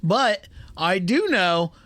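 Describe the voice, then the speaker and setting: A man in his thirties co-hosts a podcast in loose, joking chat, laughing often and swearing freely. His voice sits high and swings widely in pitch. The sound is dry and close, with no room around it. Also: slow pace, no room sound. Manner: laughing, swearing, animated ranking banter. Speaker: podcast co-host. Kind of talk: casual chat.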